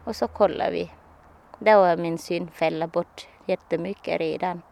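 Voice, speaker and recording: A woman being interviewed, recounting a personal experience in halting, simple sentences with frequent restarts. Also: lowish voice, fairly even intonation, vocal fry, darkish tone.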